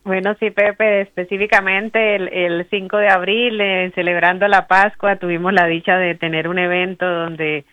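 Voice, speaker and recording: A woman co-hosting a radio show, speaking haltingly and often restarting her words. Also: on the low side, flat delivery, smooth, no room sound. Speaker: radio co-host. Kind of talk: casual radio chat. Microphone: phone. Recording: tinny phone line.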